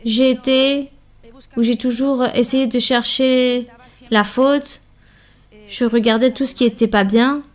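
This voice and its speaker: In a high voice, a woman narrates in French over a Bible study and a church member's testimony. She speaks in short, measured, earnest phrases.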